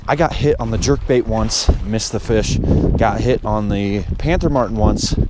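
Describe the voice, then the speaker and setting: A man filming a casual fishing vlog outdoors by a mountain stream, talking excitedly to his viewers. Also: lowish voice, unhurried. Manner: excitable, talks straight to viewers. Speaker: fishing vlogger. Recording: outdoor footage with steady stream noise.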